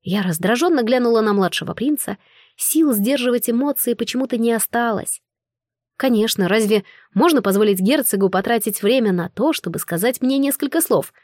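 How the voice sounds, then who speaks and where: A woman narrating a first-person fantasy novel in an expressive, storytelling manner. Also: fairly high pitch, a little fast, no room sound, studio quality. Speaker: audiobook narrator.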